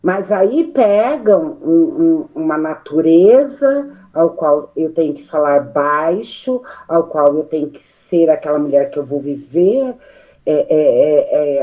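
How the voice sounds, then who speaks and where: A Brazilian woman speaking at a study meeting, animated and full of restarts and fillers. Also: sits low, dull audio. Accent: Brazilian Portuguese. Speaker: study group participant. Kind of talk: spoken reflection in a study meeting.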